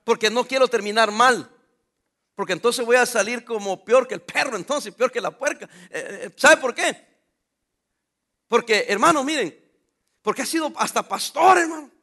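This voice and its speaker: A man's voice: extremely high pitch, normal speed, sharp tone. A middle-aged man, a pastor preaching a sermon with emphatic rhetorical questions to his congregation.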